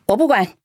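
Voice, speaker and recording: A woman with a slightly mellow voice voices an older, lonely grandmother for a radio drama, fussing lovingly over the young ones with fond sighs. Toward her adult daughter, though, she grows scolding and aggrieved. The sound is clean studio audio with no room sound.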